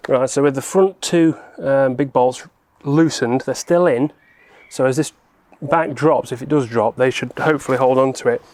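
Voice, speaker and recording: A man narrates a hands-on repair job in an average-pitched voice. He talks informally and explains things step by step, in the casual way of a how-to vlogger. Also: normal speed, few pauses, darkish tone, no echo. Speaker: presenter of a car repair vlog.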